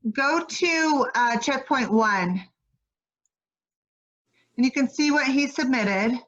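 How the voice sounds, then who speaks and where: A woman teacher chatting from home in an online parent meeting. She talks in a relaxed, casual way and is heard over a video call. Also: on the high side. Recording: dull video call audio.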